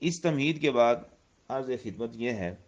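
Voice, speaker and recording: A man's voice: mid-range voice, expressive, darkish tone, highs cut off. A man with a Pakistani Urdu accent giving a religious lesson on Quranic script, explaining step by step, repeating points and reciting Arabic verses. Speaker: Quran teacher.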